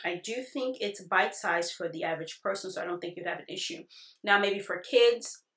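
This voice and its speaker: A woman's voice: lowish voice, brisk, a bit bright. A woman giving a casual product review, chatting directly to her viewers in an informal way. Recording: echoey, roomy sound.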